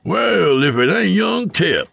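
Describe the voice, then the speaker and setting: A brash, crude young joker in an audiobook, as a male narrator plays him. He talks loudly and boastfully, with bawdy swagger. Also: high-pitched, sing-song, slow pace, gravelly, a little hiss or hum, pitched above the performer's own voice, heavily acted. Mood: boisterous.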